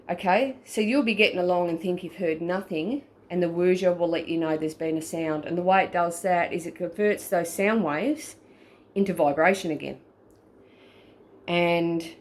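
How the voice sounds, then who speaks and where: A woman, a paranormal investigator, explaining a gadget step by step in a casual video recorded on her phone, often checking in with "okay?". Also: fairly low pitch. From Australia. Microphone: phone, front camera.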